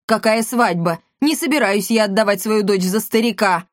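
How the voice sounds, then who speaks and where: A woman's voice: mid-range voice, moderate pace, dry recording, clean studio sound, close to an everyday voice. A woman reading aloud, voicing a grumpy, stubborn middle-aged male shopkeeper who talks in a blunt, grumbling way. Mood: indignant.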